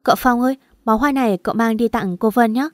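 A woman's voice: on the high side, fast talker, no echo, natural voice. Woman voicing a kindly old housekeeper. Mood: coaxing. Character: older female housekeeper, kindly and coaxing.

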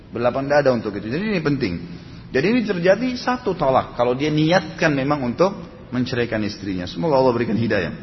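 Preacher, male, emphatic and rhetorical, recorded in a reverberant hall on a dull, low-fidelity line. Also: sing-song, fast. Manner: rhetorical questions, emphatic scolding asides. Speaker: Islamic preacher answering questions. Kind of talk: religious Q&A lecture. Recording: dull echoey hall with faint rumble.

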